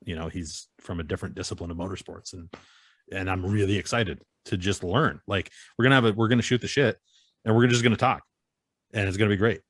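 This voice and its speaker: A man's voice: low-pitched, fairly even intonation, fast talker, slightly rough, no echo, clean studio sound. A man guesting on a podcast over a video call, talking bluntly and swearing freely. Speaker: podcast guest and co-host of a motorsports show. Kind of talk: casual chat.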